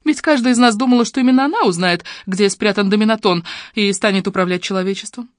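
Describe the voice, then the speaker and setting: A man voicing a scheming, frightened woman in an audiobook, high and whiny as she pleads. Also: fast talker, dry recording, studio quality, lightly acted. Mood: bitter. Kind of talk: audiobook character reading.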